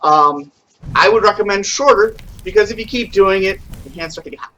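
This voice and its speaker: Guy at home showing a camp chant, bright voice a bit high, chatty then loud chanting. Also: fairly quick. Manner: chatty, explains step by step, bursts into loud chanting. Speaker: camp song leader teaching a skit. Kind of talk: casual instructional video, chanting call-and-response.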